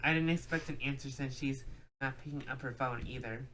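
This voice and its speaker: A woman's voice: very deep voice, fairly even intonation, brisk, a bit bright. A woman hosting a game playthrough, reading the story text aloud with joking asides. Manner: reads dialogue with joking asides. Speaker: let's play host.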